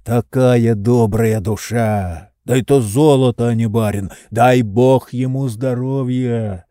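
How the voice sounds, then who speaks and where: A man reading an audiobook voices a hoarse, touchy old servant who heatedly defends his master. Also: medium pitch, fairly even intonation, slow, mellow, no echo, studio quality, close to an everyday voice. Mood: boastful. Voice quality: hoarse, wheezing. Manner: heated, indignant, boastful.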